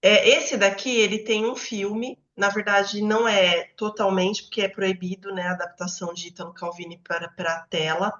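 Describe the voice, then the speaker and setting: A woman with a Brazilian Portuguese accent leads a book club in a relaxed teaching manner, often pausing to check in with her listeners. Her voice sits in a middle register. The recording is roomy and somewhat dull, like lo-fi audio. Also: mid-range voice. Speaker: book club host and educator. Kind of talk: explanatory teaching talk.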